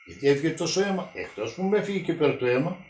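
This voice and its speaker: A man, telling his wartime memories in a halting, repetitive way during an oral history interview at home. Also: on the high side, very animated, a little mellow. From Greece. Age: 90s. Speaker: witness interviewee. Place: village home indoors. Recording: echoey room with faint noise.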